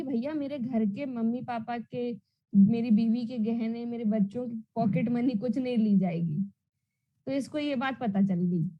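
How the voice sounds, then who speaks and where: A woman teaching an online class, loudly and emphatically and repeating questions so students answer back. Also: fairly high pitch, dull audio. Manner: repetitive question-and-answer drilling; loud and emphatic.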